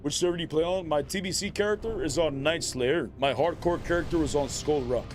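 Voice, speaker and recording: A man streaming a game raid, chatting excitedly and repeating his phrases in quick bursts. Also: a little high, background noise. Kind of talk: casual live-stream chat.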